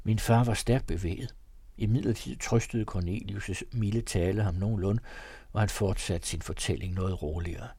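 A man giving a measured, dramatic reading of a classic novel as the host of a serial. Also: fairly low pitch, fairly even intonation, mellow, husky, no echo. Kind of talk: scripted audiobook reading.

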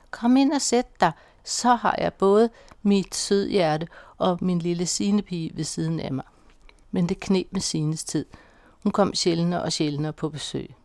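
A woman narrating an audiobook in a steady, measured storytelling voice. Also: lowish voice, creaky, dry recording.

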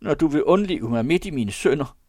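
A frantic male poacher, put on by a male storyteller, pleads in a high, loud, strained voice. He wheedles and begs without pause. The recording is dry and close. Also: expressive, no echo. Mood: pleading.

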